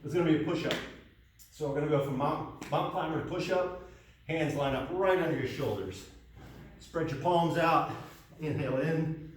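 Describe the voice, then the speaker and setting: A man's voice: fairly high pitch, normal speed. A winded man coaches a kettlebell workout, calling out each step of the moves. He sounds far from the mic in a very echoey gym. Faint room noise sits behind him. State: out of breath. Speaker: fitness coach. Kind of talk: workout instruction.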